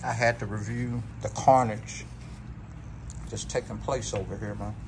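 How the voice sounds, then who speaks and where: A man eating alongside the host adds short, relaxed comments in casual chat. He sounds a little away from the mic, with faint restaurant noise around him. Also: lowish voice, a little slow. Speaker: dining companion.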